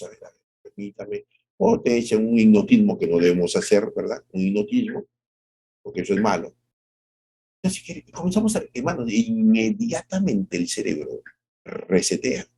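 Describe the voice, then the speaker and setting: With a creaky, breathy voice, a middle-aged pastor gives a devotional sermon full of rhetorical questions and acted-out quotes. He shifts from gentle, lingering phrases to sudden high exclamations.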